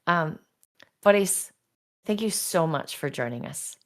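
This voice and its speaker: A woman's voice: sits low, lively intonation, measured pace. A woman hosting a podcast, asking questions and closing the episode in a friendly way with some fillers. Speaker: podcast host.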